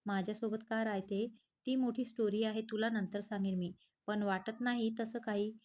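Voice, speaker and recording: A woman voicing a young male psychiatrist, calm but curt and protective, in a read-aloud storybook. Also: medium pitch, moderate pace, natural voice. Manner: curt, scolding.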